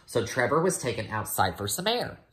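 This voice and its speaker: With a phone or laptop at arm's length in a small room at home, an American man in his thirties reads a picture book to first graders and chats in casual asides. His mid-range, slightly bright voice swings widely in pitch at a little fast pace, and there's slight background noise.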